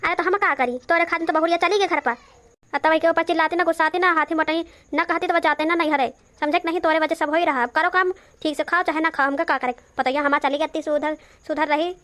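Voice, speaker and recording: A bossy old cartoon mother, voiced by a woman, scolding in a high, rapid Awadhi-accented voice. She fires off orders and complaints one after another. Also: fairly even intonation, a bit bright. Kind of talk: cartoon voice acting.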